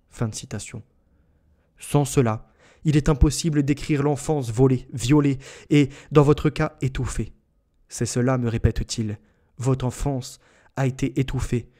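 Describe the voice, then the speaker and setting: A man narrates a literary first-person text in a slow, solemn, deliberate manner. His voice is dark and mellow, with a relaxed warmth under the gravity of the words. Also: medium pitch. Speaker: audiobook reader.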